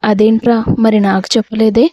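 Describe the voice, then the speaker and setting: A woman's voice: on the high side, little pitch movement, moderate pace, dark tone, dry recording, lo-fi sound, close to an everyday voice. A woman voicing a lovesick young woman who hides her feelings and pleads earnestly for her friend. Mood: sad.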